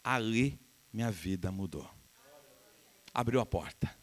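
This middle-aged Brazilian pastor has a lowish voice and speaks a little slowly. His sermon is built on stories, and he animatedly acts out the voices of the people in them, laughing along with the congregation.

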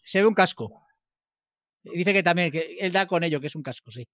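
A man from co-hosting a casual reaction chat, joking in quick banter. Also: on the high side, animated, fairly bright tone, no room sound, clean studio sound. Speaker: co-host.

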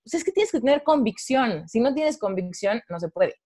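A woman's voice: fairly high pitch, normal speed. A Mexican woman in her thirties, speaking as a podcast guest. She tells her story in a loose, conversational way. She livens it up by acting out what she once thought and said. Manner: animated, acts out her own past thoughts in quotes.

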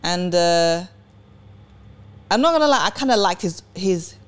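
A young woman from Sweden with a lowish voice chats on a podcast. She tells her story animatedly, acting out the lines of others and laughing often. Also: a little slow, clean tone. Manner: animated, laughs often, acts out quoted dialogue. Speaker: podcast co-host. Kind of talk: casual storytelling chat.

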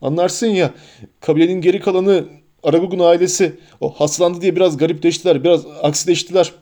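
A man voicing a huge, gruff but soft-hearted half-giant groundskeeper in an audiobook, grumbling and sulky. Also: sits high, steady tone, fast talker, pitched above the performer's own voice, natural voice. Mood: tearful. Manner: grumbling, sulky, then sobbing.

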